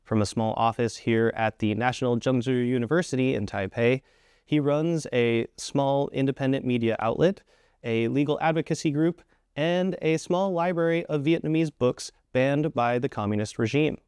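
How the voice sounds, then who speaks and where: A man's voice: medium pitch, normal speed, darkish tone, clear, resonant tone, dry recording, studio quality. A male host delivering a scripted news introduction and then interviewing a guest in a composed presenter manner.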